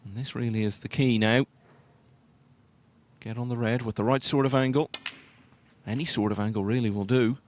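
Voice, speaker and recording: A man commentating on snooker in a hushed, measured, understated and analytical way. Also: medium pitch, steady tone, slight background noise.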